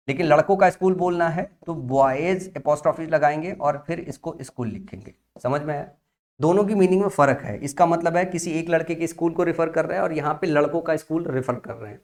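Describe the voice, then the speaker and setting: A man with a fairly high voice teaches English grammar in a classroom-style lesson. He repeats the key points and poses questions that he then answers himself.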